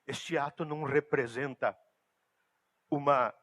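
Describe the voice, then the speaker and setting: A male pastor preaching a sermon, emphatic and swinging from hushed, slow passages to loud, high-pitched outbursts. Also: fairly even intonation.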